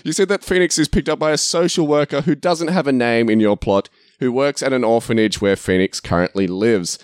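A man's voice: medium pitch, fairly quick, darkish tone, dry recording, studio quality. A man co-hosting a casual movie review podcast, teasing his co-host and laughing often as he reads through notes.

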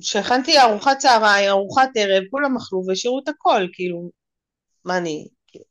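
A woman in a group, earnestly sharing a personal story, halting and full of fillers. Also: medium pitch. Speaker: group participant.

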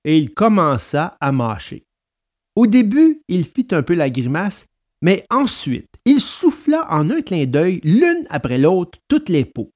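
A man narrating a children's story in an expressive, storytelling manner. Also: sits high, slow. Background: soft guitar music.

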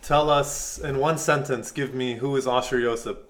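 A man's voice: mid-range voice, steady tone, moderate pace, a bit bright, a little hiss or hum. Male interviewer, conversational. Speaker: podcast host.

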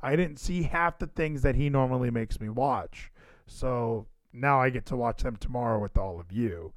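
Chatting loosely about wrestling shows on a podcast livestream, the host wanders from point to point and hammers phrases through repetition. He has a mid-range voice at normal speed, with no room sound.

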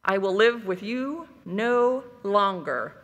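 A woman voicing the wife in a spoken legend, in her own even tone with light reverb. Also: mid-range voice, slow. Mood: hurt. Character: hurt, proud wife from long ago. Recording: long hall reverb.

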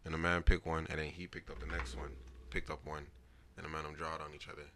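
Male podcast host, low bright voice, urban Toronto slang accent, joking and slangy banter. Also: little pitch movement, quick pace, slight background noise. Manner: slangy, repetitive, joking boasts. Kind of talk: casual banter.

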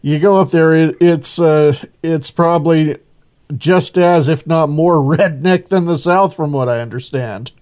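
A man hosting a casual interview, relaxed, often chuckling and restarting his sentences. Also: on the high side, measured pace. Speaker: interview host.

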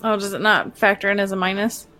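A woman's voice: mid-range voice, flat delivery, fast talker, pushed and bright. Woman gamer chatting over faint music. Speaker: tabletop game player. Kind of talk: casual chat.

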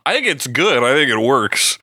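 A man's voice: mid-range voice, very animated, normal speed, sharp tone, slightly rough, no echo, clean studio sound. A man co-hosting a podcast, chatting casually and animatedly about a song, reading lyrics aloud and swearing now and then. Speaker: podcast co-host. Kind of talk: casual song-breakdown chat.

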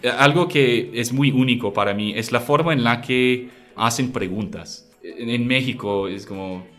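A man's voice: medium pitch, moderate pace, fairly bright tone, faint music behind. A man who is not a native Spanish speaker talks in a casual conversation with a foreign accent, thoughtful and often restarting his words. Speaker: conversation partner.

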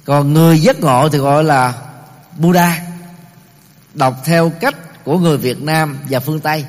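A middle-aged man giving a Buddhist teaching talk, explaining terms step by step, pausing often and using many fillers. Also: on the high side, fairly even intonation. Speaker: Buddhist lecturer. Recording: long reverb of a large hall.

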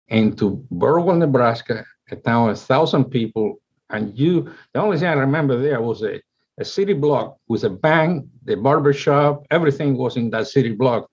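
This interview guest, a company chief executive in his seventies who was born in Cuba and grew up speaking Spanish, tells his life story in English, meandering and restarting a lot. His voice sits mid-range, a little mellow with a breathy edge, on dull lo-fi audio.

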